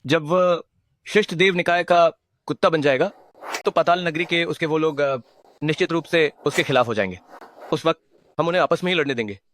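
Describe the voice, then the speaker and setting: A man dubbing a sly henchman who lays out a plot in a smooth, conspiratorial way. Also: a little high, fairly quick, fairly bright tone, no room sound, close to an everyday voice. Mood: scheming. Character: scheming henchman, sly and placating.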